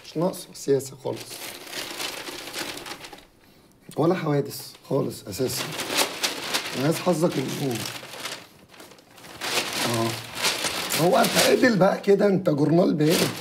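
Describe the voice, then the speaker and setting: An actor playing a pompous, bossy company owner, blustering and teasing in an Egyptian accent. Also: male voice, on the high side, brisk, long pauses, very noisy, close to an everyday voice. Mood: grumbling. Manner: blustering, self-important, teasing. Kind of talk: comic film acting. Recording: film audio with room echo and music.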